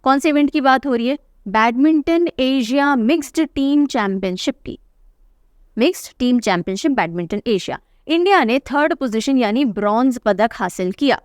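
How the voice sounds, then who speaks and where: A woman's voice: high-pitched, lively intonation, normal speed, a little mellow, dry recording, clean studio sound. A young woman teaching an exam-prep lesson, chatty and teasing, repeating key names to drill them in. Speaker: current affairs teacher.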